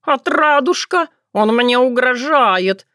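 A woman's voice: sits high, lively intonation, slow, pushed and bright, no room sound, studio quality, pitched above the performer's own voice, heavily acted. A woman voicing a fussy, dramatic male talking cat who wails, scolds and pities himself in an audiobook. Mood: whining. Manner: wailing, scolding, self-pitying. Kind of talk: audiobook character voice.

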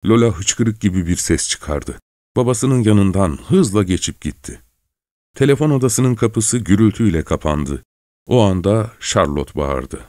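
Low-voiced man reading a story. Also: lively intonation, unhurried, warm tone, no room sound, studio quality. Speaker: audiobook narrator. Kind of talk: scripted literary narration.

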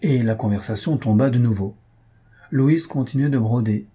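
A man narrating a classic novel in a measured, literary reading style. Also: mid-range voice, dark tone, slightly rough. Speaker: audiobook narrator. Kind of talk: scripted narration.

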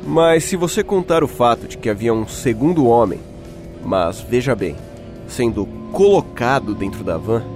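This time the medium-pitched voice is animated and lightly acted, moving at a moderate pace. Playing a rattled young Brazilian man, he dramatically recounts a night-time horror encounter in first person, voicing the dialogue himself, while music plays and the atmosphere stays tense and ominous.

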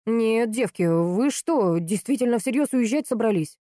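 A woman's voice: medium pitch, dark tone, no echo, studio quality, natural voice. A woman voicing a dazed, grumbling brother. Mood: indignant. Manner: slow, dazed and fretful. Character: bewildered, tipsy grown brother, grumbling.

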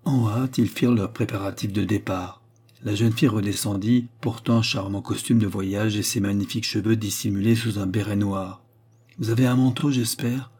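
A man reading a novel aloud as steady scripted narration. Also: lowish voice, normal speed, husky. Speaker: audiobook reader.

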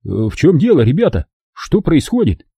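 Man doing a puzzled van driver, protesting, dark, husky voice. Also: fairly high pitch, big pitch swings, moderate pace, dry recording, studio quality, pitched above the performer's own voice, full character voice. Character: bewildered male van driver, stubborn.

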